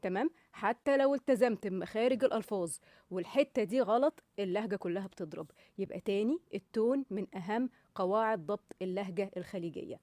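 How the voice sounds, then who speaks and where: Fast-talking Egyptian woman dialect coach. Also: medium pitch, mellow, no room sound. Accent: Egyptian Arabic. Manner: didactic, checks understanding with questions. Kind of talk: instructional explainer.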